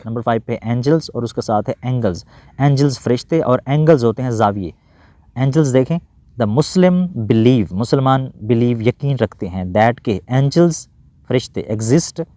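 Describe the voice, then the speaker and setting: A man with a Pakistani Urdu accent teaching grammar, who reads example sentences slowly word by word and translates them, and otherwise explains briskly. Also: mid-range voice, darkish tone, no room sound. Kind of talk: grammar lesson.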